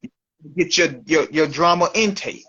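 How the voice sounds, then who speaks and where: A man's voice: a little high, unhurried, pushed and bright, husky, lo-fi sound. A man hosting a casual talk show, with loose, slangy talk that keeps repeating and restarting. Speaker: show host. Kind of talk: casual chat.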